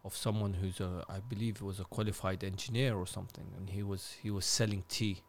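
A man from Iraq leads a conversational interview in a lowish voice. He talks in halting, restarting phrases and presses his guest with probing follow-up questions. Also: steady tone, slight background noise.

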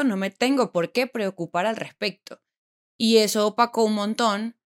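Chatty woman in her thirties telling stories. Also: medium pitch. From Venezuela. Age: 30s. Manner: chatty and expressive, voicing her own inner doubts. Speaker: podcast host. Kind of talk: casual personal storytelling.

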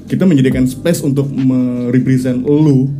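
A man's voice: mid-range voice, fairly even intonation, normal speed, mellow, a little hiss or hum. A young man co-hosts a casual podcast, talking informally in slang with some English mixed in. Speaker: podcast co-host. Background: music.

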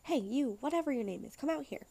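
A woman softly reading the part of an anxious, chattering male courtier from a play script, half-whispering as she rambles. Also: mid-range voice, quick pace, creaky, slightly rough. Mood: musing.

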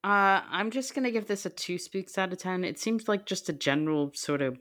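A young man co-hosting a casual podcast, with dry, deadpan quips. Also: high-pitched, a little fast. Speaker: podcast co-host.

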